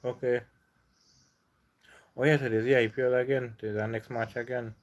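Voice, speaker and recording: A man's voice: medium pitch, moderate pace. Laid-back Trinidadian man on a livestream. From Trinidad and Tobago. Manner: relaxed, reads comments aloud. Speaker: livestream host. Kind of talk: casual livestream chat.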